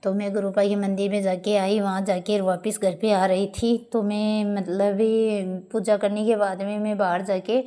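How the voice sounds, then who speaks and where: Flat-voiced woman pleading in prayer. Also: medium pitch, moderate pace, hardly any pauses. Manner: earnest, pleading, repeats her address to the guru. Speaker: devotee sharing testimony. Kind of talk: devotional testimony and spoken prayer.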